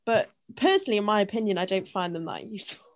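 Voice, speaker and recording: A woman's voice: medium pitch, animated, fast talker, no room sound. A young woman co-hosting a podcast, telling stories in a chatty way with lots of fillers. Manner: chatty storytelling, many fillers and restarts. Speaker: podcast co-host. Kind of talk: casual chat.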